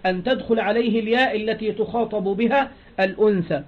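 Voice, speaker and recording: Speaking quickly in a high-pitched voice with an Egyptian Arabic accent, a man teaches a grammar lesson. He works through it step by step, using prompting questions to draw answers out of his listeners. The recording sounds dull and lo-fi.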